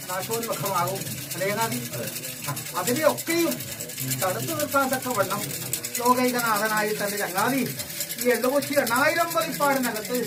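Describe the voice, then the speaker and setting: A woman with a north Kerala accent speaking as a possessed ritual oracle, proclaiming solemnly in a chanted declamation. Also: a little high. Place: at a live temple ritual, distant mic. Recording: distant, noisy field recording of a ritual.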